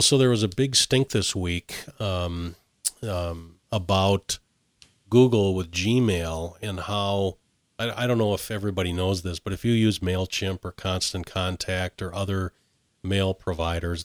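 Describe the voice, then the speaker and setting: A man chats through tech news as a podcast host, full of fillers and restarts. His voice sits very low. The sound is dry and close. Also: no echo. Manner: chatty, many fillers and restarts. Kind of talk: casual tech chat.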